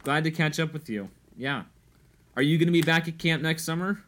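A man's voice: fairly high pitch, fairly quick, a bit bright. A young adult man hosting a podcast in casual chat, telling a story animatedly and acting out quotes. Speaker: podcast host.

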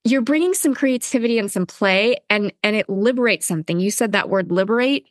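A woman co-hosting a podcast in casual conversational talk, earnest and expressive, often acting out quoted speech. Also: mid-range voice, a little fast, no echo, clean studio sound. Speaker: podcast co-host.

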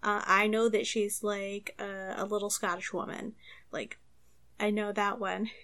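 A woman's voice: medium pitch, little pitch movement, unhurried, fairly bright tone. A woman game master chatting casually about tabletop games, rambling with lots of fillers and frequent laughs.

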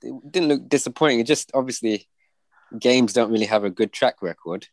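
A man co-hosting a casual podcast, speaking in a measured, hesitant way. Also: medium pitch, dry recording. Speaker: podcast co-host.

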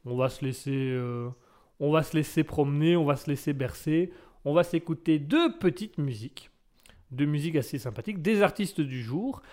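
A young man hosting live radio, with a fairly high voice. He jokes in a playful, self-mocking way. His banter keeps moving. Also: expressive, normal speed, a little mellow. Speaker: radio host. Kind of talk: joking live radio chat.

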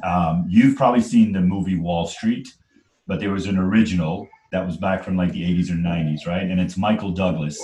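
Speaking briskly in a low-pitched, dark-toned voice, a forties-aged man from Trinidad shares his life story with an interviewer. He's earnest and emphatic, checking in often with "right?", and the room sounds echoey.

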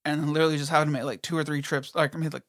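A man's voice: fairly high pitch, flat delivery, racing, fairly bright tone, no echo, studio quality. A man in casual chat, telling a long story with heavy swearing and quoted back-and-forth. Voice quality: profane, storytelling with quoted voices.

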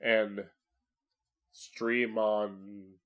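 A man's voice: lowish voice, flat delivery, drawn-out words, fairly bright tone. A man who hosts a podcast as a drag queen, rambling solo in a campy, profane, self-mocking way. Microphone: podcast microphone, live streamed.

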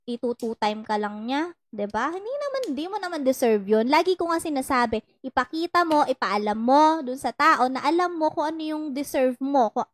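A young Filipino woman hosting a casual advice talk, teasing and laughing often as she mixes in English. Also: sits high. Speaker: podcast host giving love advice.

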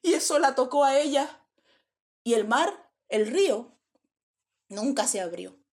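A woman's voice: high voice, expressive, unhurried, darkish tone. A woman preaching a sermon, telling stories dramatically and acting out the voices. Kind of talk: sermon storytelling.

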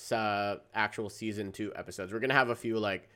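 A man's voice: on the low side, steady tone, brisk, pushed and bright, clean tone. A man co-hosting a podcast in casual chat, rambling, trailing off mid-sentence and laughing often. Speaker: podcast co-host.

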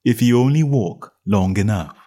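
A sly, grinning storybook cat, voiced by a man, calm and mysterious. He stretches his words out slowly and teasingly, his pitch wandering up and down with a lively lilt. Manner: slow, teasing, drawn-out delivery.

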